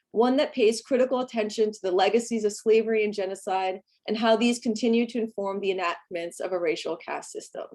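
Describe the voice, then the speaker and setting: A woman presenting a scripted conference paper in a formal, measured manner. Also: a little high, darkish tone. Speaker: academic presenter.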